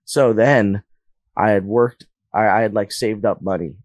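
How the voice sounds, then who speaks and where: Young man, low voice, dry sound; rambling, casual, full of fillers. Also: unhurried, darkish tone, no room sound. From Las Vegas, USA. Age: young adult. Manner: rambling, filler-heavy, lots of "like". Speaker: guest musician. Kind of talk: casual interview storytelling.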